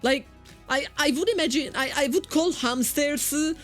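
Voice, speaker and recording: A woman's voice: sits high, normal speed, soft background music. A woman with an Italian accent giving casual, chatty game commentary as a streamer, often repeating her first words. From Italy. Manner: chatty, repeats words when starting sentences.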